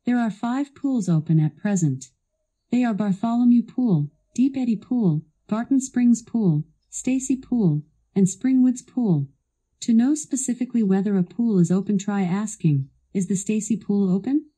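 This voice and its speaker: Scripted product demo narration comes from a woman's voice assistant, clearly enunciated, polished and instructional. The voice is medium-pitched and expressive with a dark tone, at a moderate pace.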